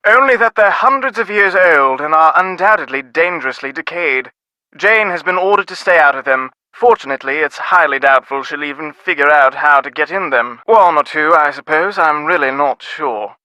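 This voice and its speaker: In a video game, an actor voices a busy, reserved middle-aged British diplomat whose speech is formal, clipped and wordy. His male voice sits on the high side and sounds pushed and bright. The recording is dry and rough.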